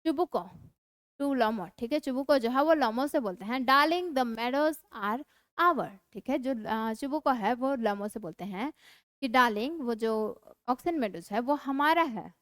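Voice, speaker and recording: High, clear Indian woman teaching English. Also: lively intonation, no echo. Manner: reads lines slowly and loudly, then explains plainly. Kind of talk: explaining a play line by line.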